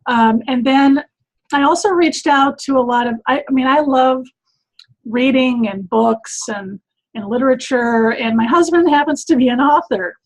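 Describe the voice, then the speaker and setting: Woman coach rambling on a call, lots of ums, voice a bit high. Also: normal speed, low-quality recording. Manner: rambling, lots of fillers and restarts. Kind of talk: casual chat.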